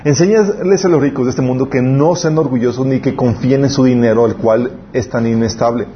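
A man's voice: mid-range voice, a little fast. A man preaching a casual, conversational youth sermon, reading scripture and checking that listeners follow. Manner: conversational, asks listeners to agree. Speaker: youth pastor. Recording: slightly dull lo-fi recording with faint noise.

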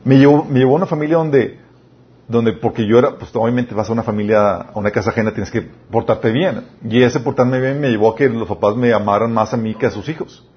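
A man's voice: mid-range voice, brisk. A young man with a Mexican accent, preaching a sermon to a youth group and telling stories from his own life straight to his listeners. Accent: Mexican Spanish. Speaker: youth pastor. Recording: dull muffled recording.

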